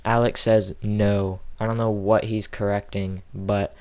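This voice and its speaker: A man's voice: on the low side, level tone, moderate pace, darkish tone. A man giving rambling, bemused casual commentary on a chat log, with frequent fillers.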